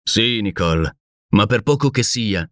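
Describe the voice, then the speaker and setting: A man voicing a grave, methodical male leader in an audiobook, speaking in a slow, serious, convinced way. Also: fairly low pitch, expressive, a bit bright, no room sound, studio quality.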